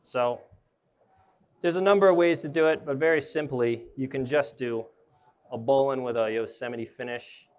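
Smooth-voiced young man demonstrating tree rigging. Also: medium pitch, normal speed. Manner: casual, thinks aloud while working with gear. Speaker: arborist trainer. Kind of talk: live demonstration talk. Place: indoor trade show booth with a mock tree.

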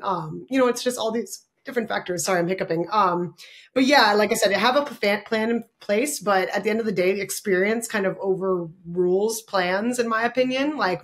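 A woman photographer, a guest in the conversation, talking casually in an animated, chatty way with many fillers. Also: mid-range voice.

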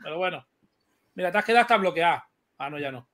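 Fast excitable high-voiced man. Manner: rapid, excitable, swears a lot, repeats himself. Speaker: live stream co-host. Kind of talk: heated casual live chat.

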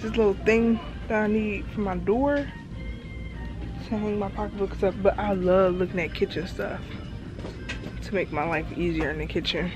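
A young woman vlogs from inside a big store with the camera held at arm's length. She takes her time, speaking in an unhurried, chatty way as she muses to herself over the shelves. Music plays clearly in the background. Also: medium pitch, huge pitch swings, lo-fi sound. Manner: chatty, talks to herself while shopping. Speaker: vlogger. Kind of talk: casual vlog narration. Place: indoors in a large store. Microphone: handheld camera at arm's length.

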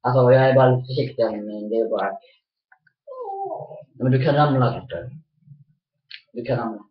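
A woman chatting casually while playing an online shooter with her sibling, rambling, cursing at the game and fussing protectively over the other player. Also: extremely low pitch. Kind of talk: casual gaming chat. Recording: dull, roomy, off-mic home recording.

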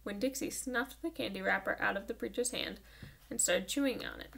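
A woman's voice: mid-range voice, brisk, creaky, a bit bright, slight background noise. A woman reading a children's novel aloud with an engaged storytelling delivery. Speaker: audiobook reader.

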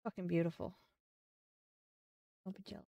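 A woman's voice: on the low side, level tone, normal speed, gravelly, warm tone, no room sound, far from the mic, muffled recording. A young woman streaming a game, chatting casually and thinking aloud as she goes, with the odd swear word. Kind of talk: casual live-stream commentary.

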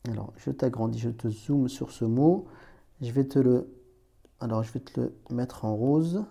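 A man's voice: medium pitch, measured pace, vocal fry, warm tone, husky. A man teaching Arabic letters in a chatty, informal way, talking straight to the learner with many restarts. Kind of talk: informal screen-recorded lesson.

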